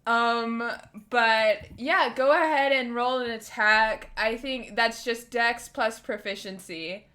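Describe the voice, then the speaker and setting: A woman's voice: fairly high pitch, slow pace, sharp tone. A woman running a tabletop game as game master, easygoing and hesitant with plenty of fillers.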